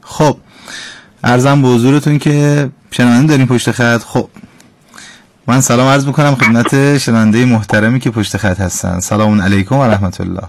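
A man's voice: mid-range voice, fairly even intonation, dry recording. A man hosting a call-in radio program, patiently and politely correcting callers' recitation and pronunciation. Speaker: radio host teaching Quran recitation.

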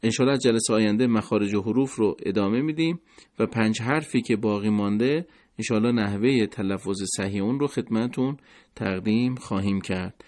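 A man with a Persian accent teaching Quranic pronunciation, patiently explaining each letter and slowly modeling the Arabic words. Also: lowish voice, darkish tone. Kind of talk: tajwid lesson explaining letter articulation.

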